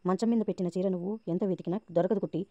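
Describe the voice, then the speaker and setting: A woman's voice: lowish voice, fairly even intonation, very fast, mellow, no echo, lo-fi sound, close to an everyday voice. Sarcastic scheming young woman, read by a woman narrator. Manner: sarcastic and goading.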